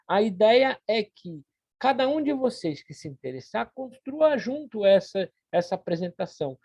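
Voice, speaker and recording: A man from Brazil presenting a plan at an online meeting, earnest and halting, often repeating words as he goes. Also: high-pitched, very animated, a little mellow, no echo, highs cut off. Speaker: meeting organizer.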